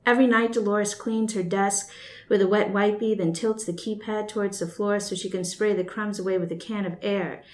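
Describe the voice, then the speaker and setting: A woman's voice: mid-range voice, steady tone, moderate pace. Woman reading her story in an echoey room. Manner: wry, blunt, conversational narration. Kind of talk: first-person fiction reading.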